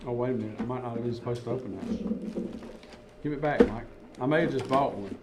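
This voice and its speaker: A man's voice: medium pitch, fairly quick, heavy background noise. A man hosting a live radio auction, reading out bids in a folksy, chuckling way.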